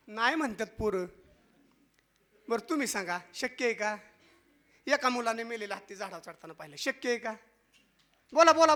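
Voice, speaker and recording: A man's voice: very high-pitched, pushed and bright. A man giving a devotional kirtan discourse, playfully quizzing the crowd in call and response. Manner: playful teasing with the audience. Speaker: kirtan preacher.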